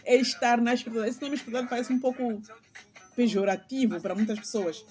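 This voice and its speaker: A woman's voice: on the high side, fairly even intonation, fast, a little mellow, soft background music. Middle-aged woman with a slight lisp. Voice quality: slight lisp, tongue-tied speech. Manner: earnest, preaching, rhetorical questions. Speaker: channel host. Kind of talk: spiritual commentary vlog, speaking off the cuff.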